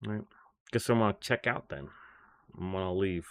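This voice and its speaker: A man's voice: deep voice, normal speed. A man who coaches golf, chatting on a livestream in a blunt, rambling, scornful way. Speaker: golf instructor and livestream host. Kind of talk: casual livestream chat.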